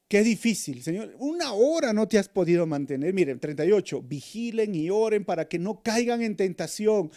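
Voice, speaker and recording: A Peruvian pastor delivers a sermon in a mellow, fairly high voice. He presses points with emphasis, then sinks into quiet, earnest asides. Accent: Peruvian Spanish. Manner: preaching with sudden drops to hushed, earnest tones.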